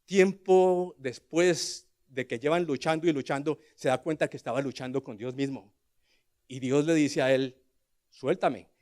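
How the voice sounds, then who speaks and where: A man in his sixties with a Colombian accent preaches a sermon at a measured pace in a mid-range voice. He recounts scripture as dramatic story, shifting between hushed asides and loud, emphatic declarations, and poses rhetorical questions to the congregation.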